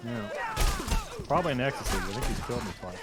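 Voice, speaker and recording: A man who works as a game voice actor, chatting as a guest in a relaxed, hesitant way, calling in remotely. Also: mid-range voice, fast talker, over loud music. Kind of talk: casual chat as a guest.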